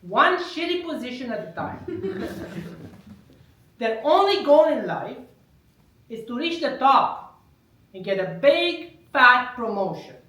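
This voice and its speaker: Doing live prop stand-up, a woman with a high, somewhat bright, very animated voice speaks slowly and pauses often. Her wry wordplay draws chuckles from herself, captured by a distant mic in an echoey room.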